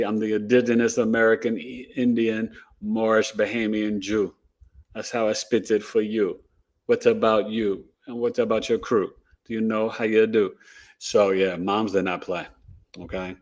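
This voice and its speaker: A man hosting an astrology livestream, chatting casually and telling animated stories with frequent laughter. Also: fairly low pitch. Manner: animated storyteller, laughs often.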